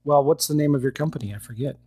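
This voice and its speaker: Male podcast host, breathy and upbeat, dry close mic. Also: fairly high pitch, very fast, mellow, no echo. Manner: chatty, upbeat, laughs while talking. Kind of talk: casual podcast interview.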